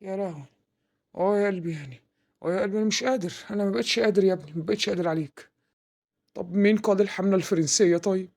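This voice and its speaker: A woman's voice: medium pitch, racing, mellow, close to an everyday voice. A woman playing a blustering, pompous father with an Egyptian accent who insults his son while tutoring him and mangles English words. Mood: exasperated. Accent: Egyptian Arabic. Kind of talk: comedy sketch acting.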